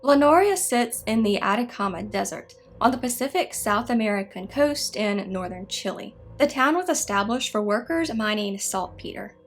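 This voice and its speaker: A woman narrating scripted spooky history stories in a measured, explanatory way. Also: on the high side, animated, soft background music. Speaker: narrator of a haunted history show.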